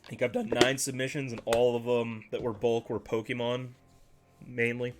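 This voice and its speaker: A man hosts a casual card-collecting livestream, rambling as he chats with viewers and correcting himself as he goes. His mid-range voice is flat at normal speed and sounds a little congested and nasal.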